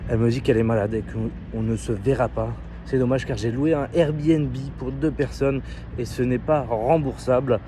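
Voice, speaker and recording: A man's voice: mid-range voice, fairly even intonation, moderate pace. A man from France with a French accent, telling a story in a casual vlog, chatty and full of filler hesitations, recorded outdoors in a city. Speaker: seduction coach vlogger. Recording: faint outdoor street noise.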